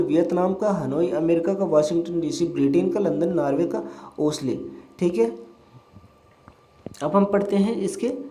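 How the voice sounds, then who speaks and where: A male teacher reciting a quick revision list for a lesson, rattling items off one after another with fillers. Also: sits high, dark tone.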